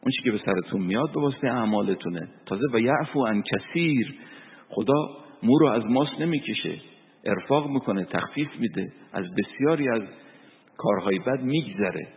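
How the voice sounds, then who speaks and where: A man's voice: mid-range voice, animated, a little hiss or hum. A man giving a sermon as a cleric, telling stories and reciting verse and scripture. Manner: storytelling preacher, recites verse and Quran. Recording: tinny phone-like sound with long reverb.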